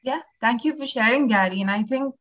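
A young woman hosting a podcast, speaking in a measured, partly scripted way. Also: fairly high pitch, highs cut off. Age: young adult. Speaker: podcast host.

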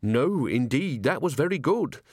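A man's voice: medium pitch, sing-song, unhurried, husky, no echo, studio quality. A man voicing a courteous, earnest young watchman who speaks politely.

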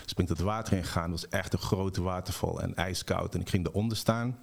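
A man from the Netherlands, a shaman guest, telling his story at length in a relaxed way and mixing English words into his talk. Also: deep voice, quick pace, gravelly. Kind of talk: storytelling in a podcast interview.

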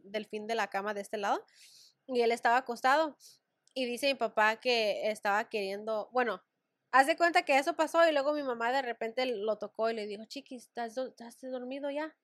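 A young woman co-hosting a casual podcast chat, telling scary stories in a lively way and dropping English fillers into her speech. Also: a little high, no room sound, studio quality. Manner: mixes Spanish with English fillers, animated storytelling. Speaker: podcast co-host.

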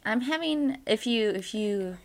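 A woman's voice: on the high side, lively intonation, unhurried. A woman co-hosting a casual chat podcast, groggy from just waking up, rambling in a playfully dramatic way. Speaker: podcast co-host.

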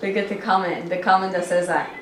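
A woman's voice: on the low side, fairly even intonation, quick pace, recorded from a distance, soft background music. A woman co-hosting a podcast in casual, slangy chat, reading out viewer comments bluntly. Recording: echoey room, faint noise.

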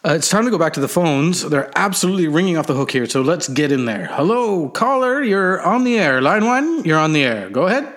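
A man co-hosting a comedy call-in show, greeting callers in a smooth, upbeat radio-host delivery. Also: fairly high pitch, sing-song, brisk, few pauses, fairly bright tone. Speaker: podcast co-host taking calls.

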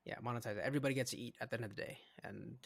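A young adult man co-hosting a casual podcast, talking in an animated, rambling way with frequent restarts. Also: medium pitch, very fast, vocal fry, background noise. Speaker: podcast co-host. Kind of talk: casual chat.

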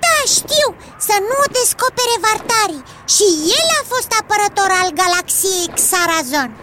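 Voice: very high voice, lively intonation. A performer voicing Iți, a stubborn young girl in a cartoon who grumbles and complains. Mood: grumbling. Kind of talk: cartoon dub acting. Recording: loud background noise.

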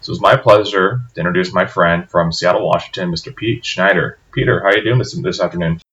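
Low-voiced man hosting a podcast over dull audio. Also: quick pace, fairly bright tone. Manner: friendly, loose, many uhs and restarts. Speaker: podcast host. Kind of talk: casual interview hosting.

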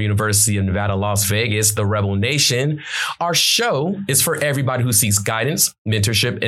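A man's voice: mid-range voice, fairly bright tone. A man hosting an interview show as a military captain, talking in an emphatic, promotional hype-man style. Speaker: podcast host, military captain.

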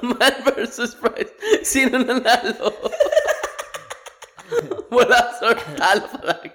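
A man co-hosting a podcast in casual banter, teasing his friends with quick jokes and questions. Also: very high voice, bright, forceful tone.

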